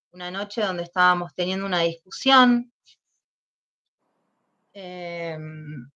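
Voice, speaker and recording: A woman with an Argentine accent, giving personal testimony as an interview guest, speaking slowly and hesitantly as she recalls painful events. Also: fairly low pitch, pushed and bright. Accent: Argentine Spanish. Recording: dull lo-fi sound.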